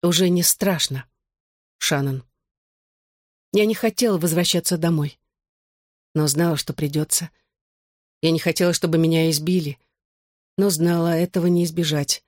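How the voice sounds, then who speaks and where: A man's voice: fairly high pitch, steady tone, normal speed, long pauses, no echo, clean studio sound. A man reading a novel aloud in the first person, narrating steadily. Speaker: audiobook reader.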